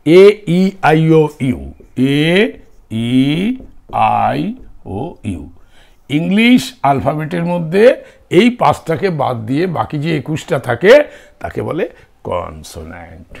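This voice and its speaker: A man's voice: on the high side, gravelly. A man teaching an English grammar lesson with a Bengali accent, switching between Bengali and English and often checking in with his students. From India. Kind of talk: classroom grammar lesson, spelling words letter by letter.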